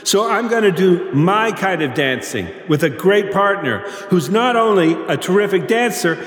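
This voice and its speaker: A man's voice: high voice, lively intonation, normal speed, roomy sound, in a large hall, pitched above the performer's own voice. A man voicing a cocky young male dance instructor who addresses a crowd with swaggering, crude, rambling asides.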